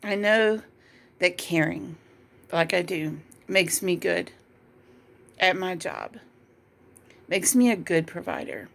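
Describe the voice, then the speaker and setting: A woman talking casually in a personal video, choked up and close to crying, halting and often clearing her throat. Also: lowish voice, sing-song. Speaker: home daycare provider talking to viewers.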